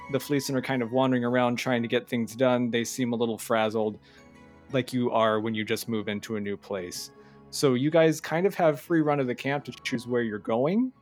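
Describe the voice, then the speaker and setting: A man narrating and explaining rules as game master of a tabletop role-playing game. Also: medium pitch. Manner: explains rules plainly, with fillers.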